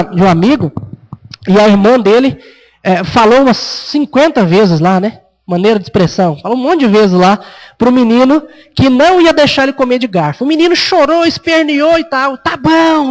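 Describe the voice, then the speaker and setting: A man's voice: very high voice, lively intonation, brisk, low-quality recording. A Brazilian man, a pastor, preaching a sermon in a conversational way, acting out parents and children in a raised voice. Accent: Brazilian Portuguese. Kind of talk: expository sermon.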